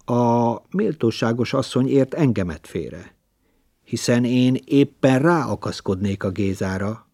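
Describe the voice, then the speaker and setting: A man's voice: medium pitch, lively intonation, a little mellow, no echo, clean studio sound. A man voicing a scheming young actress who talks in a mocking, showy way.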